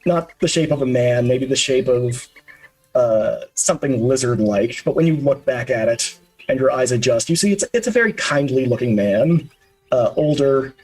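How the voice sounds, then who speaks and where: Guy running a tabletop game, a bit husky, lots of uhs while he describes stuff. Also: medium pitch, animated, normal speed, a little mellow, soft background music, low-quality recording. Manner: descriptive, with frequent uhs and restarts. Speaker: game master.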